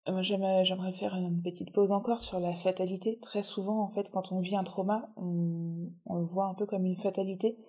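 A woman's voice: mid-range voice, flat delivery, normal speed, hardly any pauses, a little mellow, husky. A woman hosting an interview podcast, talking thoughtfully and reassuringly. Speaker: podcast host. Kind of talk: reflective interview conversation.

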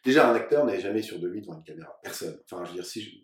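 A man from France, an actor, telling lively anecdotes in casual conversation and acting out other people's lines. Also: low voice, very fast. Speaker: actor and guest. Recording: roomy sound from a distant mic.

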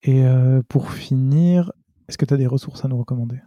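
Mellow, halting man hosting a podcast. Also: medium pitch, no echo, muffled recording. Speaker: podcast host. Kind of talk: casual interview chat.

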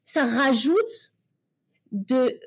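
Higher-voiced woman musing on slowing down. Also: very animated, breathy edge. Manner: reflective, coaching tone with many fillers. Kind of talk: casual podcast conversation.

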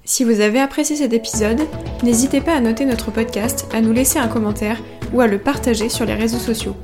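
A woman's voice: a little high, steady tone, fairly quick, over music. A woman hosting a podcast, giving advice in an upbeat, enthusiastic, conversational way. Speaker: podcast host.

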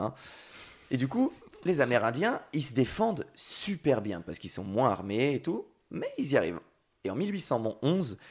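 A man's voice: medium pitch, darkish tone. A man hosting a podcast, telling history in a casual, joking way with crude slang and lots of fillers.

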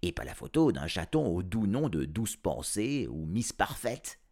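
A man narrating an audiobook in a playful, expressive first-person style. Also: deep voice, measured pace. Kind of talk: audiobook storytelling.

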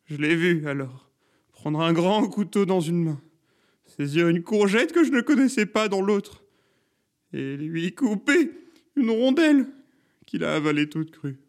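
A man's voice: lively intonation, takes it slowly, a little mellow, full character voice. A man voicing a frantic, wrinkled old female zucchini who pleads with the others to flee. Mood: grim recounting. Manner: shrill pleading warnings.

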